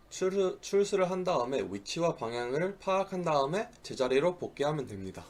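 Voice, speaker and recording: A man speaks at a medium pitch as an instructor presenting a lesson. He is not a native speaker of Korean. His delivery is halting, and he now and then slips on a word and says it again. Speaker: diving instructor giving a lecture.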